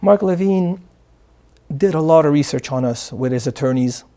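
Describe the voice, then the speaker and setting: A man's voice: fairly high pitch, moderate pace, mellow. A man from Morocco, a guest answering interview questions in an earnest way, often repeating words as he starts sentences. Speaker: guest, charity founder. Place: studio.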